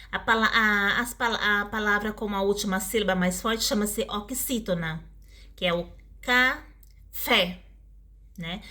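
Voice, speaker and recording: Female teacher, mid pitch; talks through lesson casually and draws out example words. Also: pushed and bright. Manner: stretches out example words slowly, tag questions.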